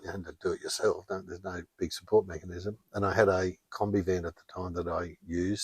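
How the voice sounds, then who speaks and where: An older Australian man telling stories in a relaxed, wry way as a podcast guest. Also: low-pitched, breathy edge, no room sound. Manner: chatty, anecdotal, wry. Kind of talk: casual interview storytelling.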